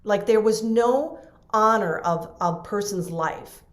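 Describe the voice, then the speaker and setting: As a guest on a podcast interview, a woman earnestly and casually tells an emotional personal story, acting out what other people said. She takes her time in a medium-pitched voice, and the sound is roomy.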